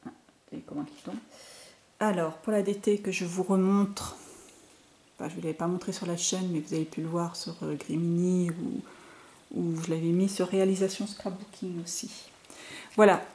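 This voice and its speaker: A woman's voice: fairly low pitch, fairly even intonation, normal speed, long pauses, a little mellow. A French woman talking through a scrapbooking haul for her viewers, chatty and enthusiastic, with lots of fillers and restarts. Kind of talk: casual product haul talk to viewers.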